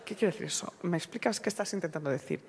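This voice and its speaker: A woman's voice: on the low side, fast, a little hiss or hum. Young woman ranting sarcastic on her podcast, lots of laughs, voice rings in a hall. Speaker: podcast co-host. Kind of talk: casual chat. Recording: long hall reverb.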